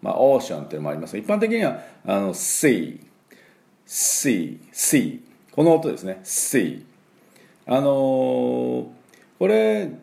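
A Japanese-speaking man teaching English pronunciation, repeating each sound slowly for learners and filling pauses with "um" and "well". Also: fairly low pitch, creaky, a little mellow. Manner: frequent fillers "えー" and "まあ". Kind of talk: pronunciation lesson.

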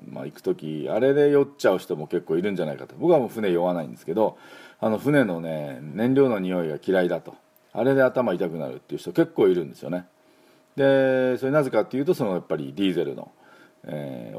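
Speaking fast, a middle-aged show host teaches a laid-back spoken English lesson in a low, husky voice that's mellow yet swings widely in pitch. He rambles through asides and fillers, leading repeat-after-me pronunciation practice.

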